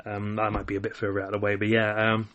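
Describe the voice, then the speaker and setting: Young male podcast host, lowish voice, rambling chat full of ums and uhs. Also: monotone, fast talker, fairly bright tone, dull audio. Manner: rambling, many filler words and restarts. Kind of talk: casual solo podcast chat.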